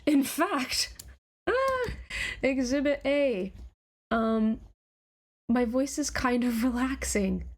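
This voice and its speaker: A woman live-streaming a reaction to her own old videos, chatting casually in a giggly, scattered, self-mocking way. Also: fairly high pitch.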